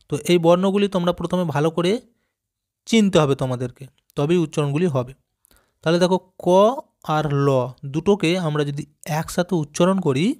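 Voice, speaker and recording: A man gives a patient reading lesson to small children. He sounds out each letter slowly and keeps asking gentle questions to check they follow along. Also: fairly high pitch. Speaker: teacher. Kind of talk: primary school reading lesson.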